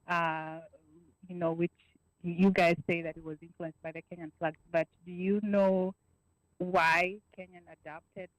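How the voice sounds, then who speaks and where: A woman's voice: on the low side, level tone, unhurried, no room sound, poor audio. A woman caller chatting casually on a call whose line keeps breaking up, hesitant and full of fillers.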